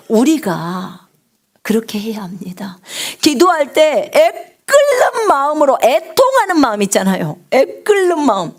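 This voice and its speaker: Impassioned woman preacher, lively pitch. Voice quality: big resonant voice, trained singer. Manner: impassioned, swings from loud cries to hushed whispers; asks the congregation questions and answers them. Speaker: missionary preacher. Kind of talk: live sermon on intercessory prayer.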